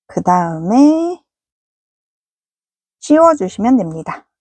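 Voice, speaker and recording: A woman's voice: medium pitch, sing-song, takes it slowly, a little mellow, breathy edge, no room sound. A woman giving a patient, polite step-by-step crochet tutorial. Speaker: crochet instructor.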